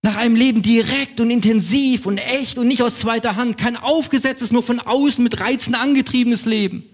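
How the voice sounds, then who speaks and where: A man's voice: extremely high pitch, moderate pace. A man preaching a sermon in German as pastor of his congregation, with an emphatic, repetitive cadence.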